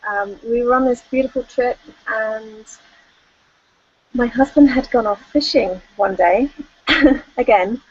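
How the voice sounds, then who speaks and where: A woman's voice: fairly high pitch, slow pace, long pauses. A middle-aged woman, telling a personal story as a life coach on an online call, candid and chatty with plenty of fillers. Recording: dull lo-fi call audio.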